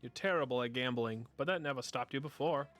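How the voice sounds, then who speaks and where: A man's voice: mid-range voice, a little fast, a bit bright, soft background music. A man streaming a game, reading the story text aloud in a playful, wry way.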